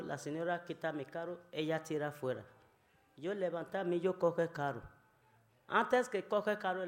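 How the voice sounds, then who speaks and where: Non-native woman, personal testimony; slow, halting, pleading delivery with frequent fillers. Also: fairly low pitch. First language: not Spanish. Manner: halting, learner's Spanish with many fillers; emotional, pleading.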